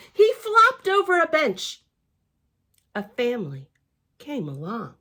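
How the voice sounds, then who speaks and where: Her voice sits high as she reads a picture book aloud to young children in her role as a library storyteller. She's theatrical and expressive, mixing in chatty asides.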